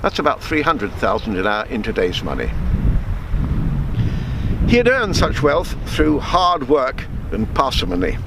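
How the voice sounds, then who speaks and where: A man reads aloud a story he wrote himself, taking a measured storytelling approach with small stumbles and self-corrections. His mid-range voice swoops wildly in pitch, and the recording is very noisy.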